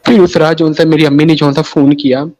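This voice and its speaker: On a rough recording, this interview guest from Pakistan speaks fairly quickly in a voice on the high side, darkish in tone and fairly even in intonation. His personal story rambles, with restarted phrases and a habit of repeating "sahi hai na."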